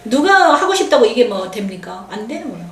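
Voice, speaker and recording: A woman's voice: a little high, big pitch swings, a little fast, fairly bright tone, distant mic, slight background noise. A middle-aged woman pastor giving an emotional, confiding testimony sermon and acting out what others said. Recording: echoey room, voice from off-mic.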